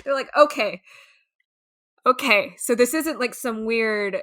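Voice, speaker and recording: Bright-voiced woman, giggly book chat. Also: a little high, slow pace. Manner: giggly, acts out characters' lines. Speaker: podcast co-host. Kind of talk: casual book club chat.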